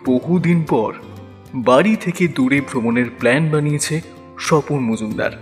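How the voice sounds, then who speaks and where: A man narrating an audio drama in a measured storytelling manner. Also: mid-range voice, lively intonation, big-room sound, soft background music.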